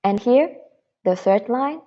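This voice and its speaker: A woman's voice: on the high side, lively intonation, slow pace, dull audio. A woman teaching a beginner Mandarin lesson online, patiently modelling syllables and repeating them for learners to copy.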